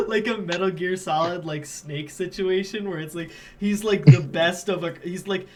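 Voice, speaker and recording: A man with a high voice co-hosts a casual podcast. He rambles through long tangents full of "like" and breaks into giggles. His talk is loose and unscripted. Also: sing-song, takes it slowly, fairly bright tone. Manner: rambling, giggly, many fillers. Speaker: podcast co-host. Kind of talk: casual chat.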